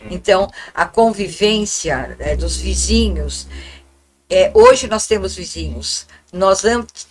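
A woman, telling childhood memories as a guest in a small podcast studio, speaking reflectively into a desk microphone. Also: mid-range voice. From Guarulhos, Brazil. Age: 70s. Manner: warm, reflective storytelling with gestures. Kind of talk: reminiscing interview talk.

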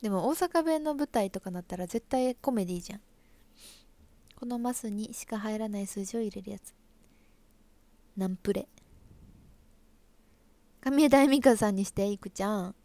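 A woman's voice: medium pitch, lively intonation, moderate pace, long pauses, dark tone. A young woman from Osaka speaking in Kansai dialect, casually chatting with viewers and reading their comments on a live stream. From Osaka, Japan. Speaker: livestream host and stage actress.

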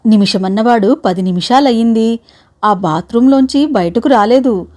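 A woman storyteller narrating a short story, with even, measured audiobook delivery. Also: on the high side.

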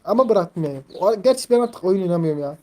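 A man's voice: high voice, expressive, fast talker, warm tone. A man in his twenties chatting casually on a live stream, rambling, leaning heavily on fillers and reading viewers' messages aloud. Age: 20s. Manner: rambling, filler-heavy, reads chat aloud.

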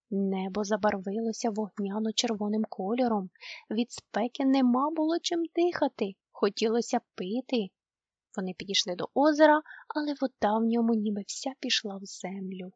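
A woman narrating a children's story in a gentle, expressive storytelling voice. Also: mid-range voice, husky, no echo, muffled recording.

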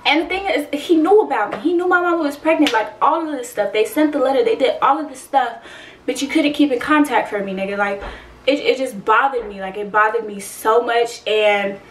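Talking briskly in a highish voice, this twenty-something vlogger shares a personal story bluntly and emotionally, with frequent swearing. The mic sits far from her, picking up a roomy echo and faint ambient sound.

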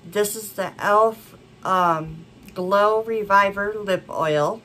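A beauty vlogger in her thirties, congested from a cold, rambles to camera with lots of fillers in a casual chat. She speaks slowly in a pushed, bright, mid-range voice, from a home room with a plant wall and neon signs.

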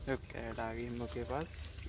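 A man's voice: medium pitch, little pitch movement, unhurried, very noisy. A man vlogging casually outdoors near trees and a farm, chatty and always telling viewers to look. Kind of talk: casual vlog narration. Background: birds and animals calling.

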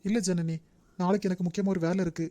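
A woman voicing a quiet, withdrawn young man in a cartoon, with a Nagercoil Tamil accent and a curt, reserved manner. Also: fairly low pitch, steady tone, fast, no room sound, lightly acted. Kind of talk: cartoon voice acting.

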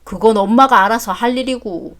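A woman's voice: a little high, brisk, fairly bright tone, lightly acted. A woman doing a curt, fed-up grown son. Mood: exasperated. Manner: curt, exasperated. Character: exasperated adult son working abroad. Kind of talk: story drama read aloud.

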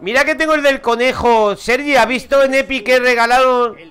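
Speaking at a normal speed with fairly even intonation, the gamer has an extremely high, sharp-toned voice and a Madrid Spanish accent. He streams casual let's-play commentary from Madrid on a headset, swearing and laughing at his stories while faint music plays.

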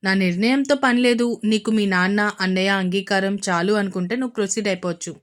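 A woman's voice: medium pitch, fast, natural voice. A woman voicing a stern elderly grandfather in an audio story, firm and curt as he refuses his approval.

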